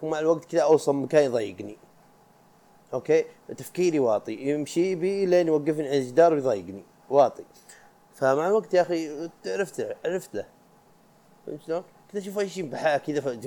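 Fast-talking young man, mellow voice. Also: medium pitch. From Saudi Arabia. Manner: chatty, rambling, self-interrupting, laughs often. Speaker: podcast host. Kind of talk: casual solo podcast monologue.

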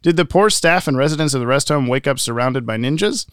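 Sex: male. Role: podcast co-host. Style: casual, playful chat, reading out comments. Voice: smooth and resonant, medium pitch. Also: lively intonation, quick pace, a bit bright, dry recording, studio quality. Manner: playful, laughs often.

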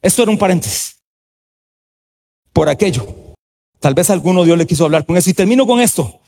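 A man, a pastor, preaching a sermon, drawing out key words slowly and breaking into sudden shouts. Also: high voice, animated, vocal fry. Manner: preaching with emphatic swings, drawn-out stressed words and sudden shouts.

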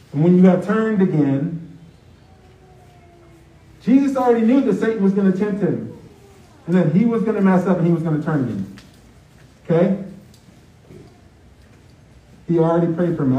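A man preaching a sermon with energy, reading scripture aloud and mixing in sports talk. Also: a little high. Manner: energetic, uses football metaphors, reads scripture aloud. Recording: roomy, distant, dull mic sound.

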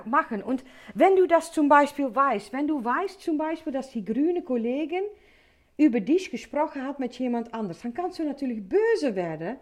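High, lively woman podcaster. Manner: chatty, explains with everyday workplace examples; speaks softer and slower on purpose. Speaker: podcast host and workplace trainer. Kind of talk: casual solo podcast talk.

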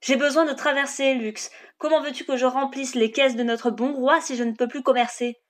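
A woman's voice: high-pitched, steady tone, normal speed, natural voice. A woman voicing a bold rebel leader with a cool, sardonic and persuasive manner. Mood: pleading.

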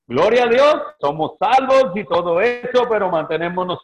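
Man, pastor, sermon with scripture reading, high-pitched voice, exhorting delivery. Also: low-quality recording. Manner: exhorting, with drawn-out "ah" pauses.

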